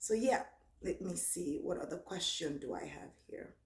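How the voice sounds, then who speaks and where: Chatty Nigerian woman, low voice, echoey room. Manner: chatty and relaxed, reads questions aloud slowly. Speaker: vlogger. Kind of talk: casual Q&A vlog.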